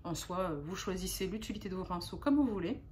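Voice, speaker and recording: A woman's voice: on the low side, animated, fast, a little mellow, slight background noise. A young adult woman chatting casually as a beauty vlogger, talking in a chatty, hesitant way with frequent fillers and restarts. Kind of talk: casual haul chat.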